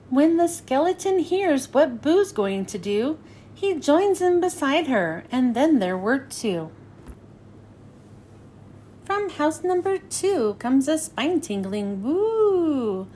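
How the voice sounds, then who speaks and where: A high-pitched woman with a dark tone narrates a children's picture book as a read-aloud host, some noise audible behind her. Her scripted delivery is slow and sing-song, swinging widely up and down to follow the rhymes.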